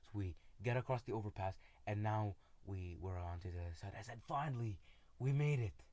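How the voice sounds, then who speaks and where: Male storyteller, low pitch, relaxed and halting, dry close recording. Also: no room sound. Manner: casual, halting, with many fillers and restarts; retells friends' lines in his own voice. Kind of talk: personal storytelling.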